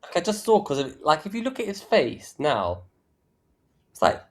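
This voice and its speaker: A man talks on a podcast in an excitable, unfiltered way, swearing and tumbling over his own words. His pitch leaps up and down with lively swings. He sounds like he is on a remote call. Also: moderate pace. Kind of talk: casual chat.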